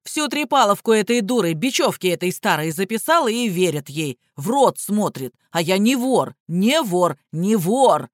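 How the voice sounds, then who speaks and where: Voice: mid-range voice, normal speed, hardly any pauses, fairly bright tone, dry recording, clean studio sound, natural voice. A reader voicing a scrawny male petty thief in custody, who rants and shrieks at his lawyer. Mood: hysterical. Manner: shrieking, ranting.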